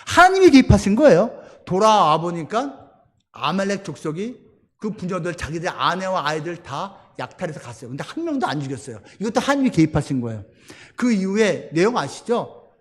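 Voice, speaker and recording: A man's voice: high-pitched, sing-song, a little fast. A male pastor preaching a sermon in a church, storytelling with animation and acting out voices. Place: church sanctuary. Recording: long church hall reverb.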